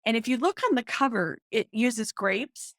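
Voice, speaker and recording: A middle-aged woman, a guest author and counselor, explaining with excited emphasis in a podcast interview. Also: fairly high pitch, moderate pace, no room sound, studio quality.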